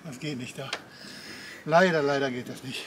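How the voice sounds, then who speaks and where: A man chatting casually at home, with lively, drawn-out greetings. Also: medium pitch, a crowd in the background, low-quality recording. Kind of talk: casual chat.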